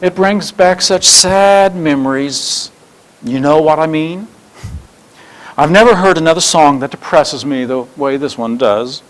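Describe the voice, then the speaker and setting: A mopey, melancholy cartoon boy with a wistful, drawn-out delivery, as a man reads him. The voice stays fairly high. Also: natural voice, poor audio. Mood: mournful.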